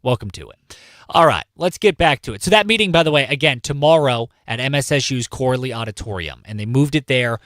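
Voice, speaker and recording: Guy hosting morning radio news, chatty and jokey, repeats himself a lot, dry studio mic, average pitch. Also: lively intonation, brisk, a bit bright, no echo. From California. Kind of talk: casual talk radio news. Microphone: studio microphone.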